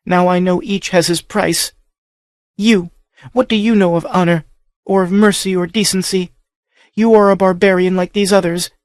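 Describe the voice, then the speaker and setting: Performing a captive young noblewoman, a male narrator lifts the character's voice high over his own, close to an everyday sound. Furious and desperate, she pleads breathlessly and urgently at normal speed with a steady tone, in a close, dry recording with no echo.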